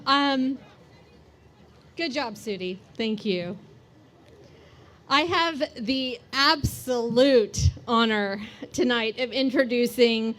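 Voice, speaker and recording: Woman emcee, somewhat high voice, friendly podium introduction with quips. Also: slow pace, long pauses, a bit bright. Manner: light, joking asides. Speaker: event emcee introducing the speaker. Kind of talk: speech introduction.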